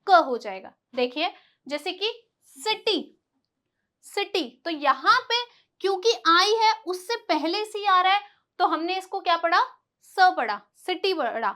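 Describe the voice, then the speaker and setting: A woman teaching a lesson, asking questions and answering them herself, repeating each example word slowly. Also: extremely high pitch, bright, forceful tone. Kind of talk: classroom-style lesson.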